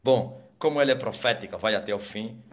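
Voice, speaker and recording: A man, an apostle, telling his conversion testimony in preaching style, swinging from loud exclamations to hushed asides and dropping hallelujahs. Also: on the low side, a little fast. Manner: peppers speech with hallelujahs and laughs.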